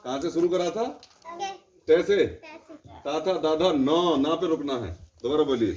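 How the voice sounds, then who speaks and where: A man's voice: a little high, a little slow. A man teaching a class, firmly directing and correcting his pupils. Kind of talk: classroom instruction. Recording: noisy classroom.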